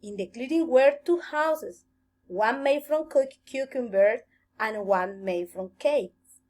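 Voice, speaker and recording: A woman reading a fairy tale aloud for children, slow, gentle and expressive. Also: a little high. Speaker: storyteller.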